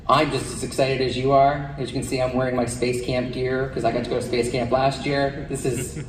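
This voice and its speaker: Man, school event presenter, even delivery, heard from far off in a reverberant hall. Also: mid-range voice. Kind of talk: live presentation to an assembly of students. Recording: echoey hall from far off, faint noise.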